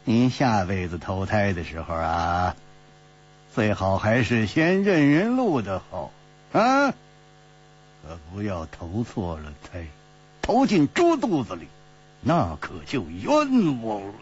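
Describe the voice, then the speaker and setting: A sly, smug male warrior, played by a man, wheedling and mock-polite, with a very breathy, raspy voice that swoops widely in pitch. Told in traditional pingshu storytelling style, on a dull lo-fi recording with mains hum. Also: huge pitch swings, takes it slowly, heavily acted. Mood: sly mockery.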